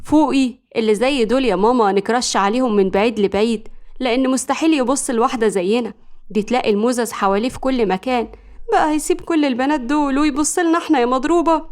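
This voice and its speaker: A teasing, down-to-earth young woman with an Egyptian accent, as a woman narrator puts her on. She mocks her friend in a quick, fairly high voice. A storybook best friend. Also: a little mellow, lightly acted. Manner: teasing, mocking.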